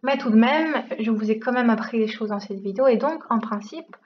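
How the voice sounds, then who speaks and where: A woman's voice: on the high side, brisk, muffled recording, slight background noise. A woman teaching a language lesson in a casual, chatty way, explaining step by step and asking herself rhetorical questions.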